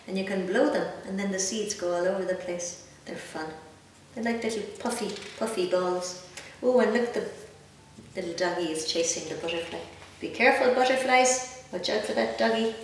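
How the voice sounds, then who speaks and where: A guest storyteller, a woman in her fifties with an Irish accent, reads a picture book to children, animated and gently expressive, with chatty asides and questions for the young listeners. Her voice is mid-range at a moderate pace. The room echoes, the mic is distant, and there's faint noise.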